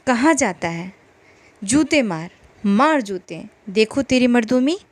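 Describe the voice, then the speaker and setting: Woman voicing fierce sharp-tongued village wife. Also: a little high, animated, slow pace, slight background noise. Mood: bitter. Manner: scolding, sharp.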